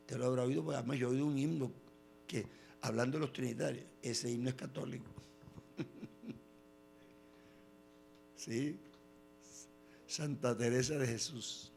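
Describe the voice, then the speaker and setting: A man preaching a sermon, telling stories with quoted voices and sudden loud bursts. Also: mid-range voice, fairly even intonation, measured pace, gravelly, pauses often, a little hiss or hum.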